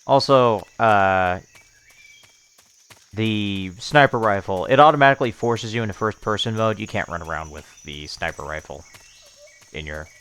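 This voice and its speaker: A man's voice: fairly low pitch, normal speed, a bit bright, clean tone. A young man casually commenting on his gameplay in a goofy, rambling way, often muttering to himself. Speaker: let's play streamer.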